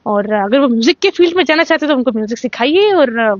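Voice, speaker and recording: High-voiced young woman from Jammu telling her story. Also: fast, no room sound, highs cut off. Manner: animated storytelling, acts out quoted judges. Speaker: interviewee, singer. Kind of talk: casual interview.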